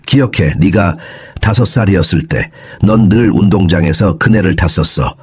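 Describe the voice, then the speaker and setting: A man voicing a grieving young man who is a gentle elder brother, in an audio story, with a husky voice. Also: deep voice, normal speed, no echo, clean studio sound. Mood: tender.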